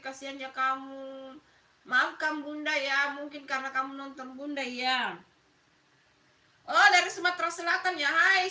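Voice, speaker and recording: A middle-aged woman from Makassar, South Sulawesi, speaking with a Makassar accent, hosts a casual live stream, chatting with viewers and greeting them by name. She laughs often. Her high, sharp voice is off-mic and distant in an echoey room.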